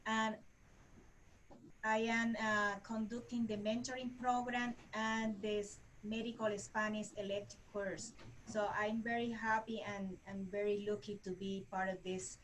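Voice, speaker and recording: A woman's voice: medium pitch, flat delivery, unhurried, a bit bright, a little hiss or hum, rough recording. Woman speaking evenly, with hesitation. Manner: hesitant, repeats words. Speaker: university faculty member. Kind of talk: self-introduction on a video call. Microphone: video call.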